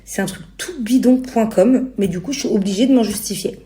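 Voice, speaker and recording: Here a young adult Frenchwoman known from reality TV vents to her followers in colloquial slang, sounding exasperated as she justifies herself. She speaks fairly quickly in a mid-range voice with a dark tone, and the recording carries a roomy echo.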